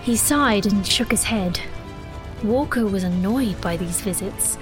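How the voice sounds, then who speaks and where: An actress voices a sheltered, proud young sorceress recounting her own story, narrating and speaking dialogue in first person for a fantasy audio drama. Her medium-pitched, near-everyday voice is unhurried, earnest, and intimate over music, with a reflective mood.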